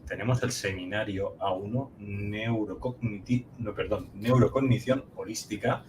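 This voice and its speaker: A man's voice: fairly low pitch, steady tone, moderate pace, background noise. A man from Catalonia with a light Catalan accent, hosting a chat and joking and laughing often. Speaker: host. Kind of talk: casual conversation.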